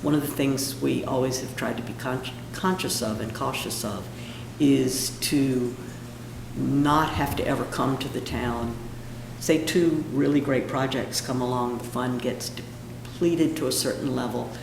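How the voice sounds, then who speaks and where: A man presents informally at a meeting in a hoarse, froggy voice thickened by a cold. His delivery has a creaky edge, and the room is echoey with clear background noise. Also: medium pitch, fairly even intonation, a little slow. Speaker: presenter of a budget request at a town meeting.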